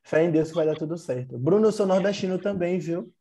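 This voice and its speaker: A man's voice: high voice, fast, warm tone. A man from Bahia, Brazil, a graduate student, chatting on a video call in an easygoing, joking way. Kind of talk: casual chat on a video call.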